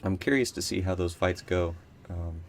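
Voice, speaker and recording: A man's voice: deep voice, normal speed, a little hiss or hum. A young man giving casual gameplay commentary, rambling and unsure, with many ums. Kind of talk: casual let's play commentary.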